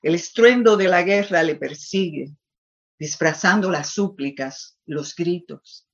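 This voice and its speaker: In dull-sounding audio, a Puerto Rican poet with a lowish voice speaks at normal speed. A native Spanish speaker with a Puerto Rican accent, she reads poems and tells personal stories to an audience.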